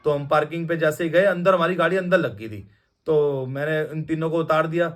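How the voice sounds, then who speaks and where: A man's voice: fairly high pitch, fairly quick. Young man rambling through a story. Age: young adult. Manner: rambling, with many restarts and fillers. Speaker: devotee sharing a testimony. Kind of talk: casual storytelling testimony.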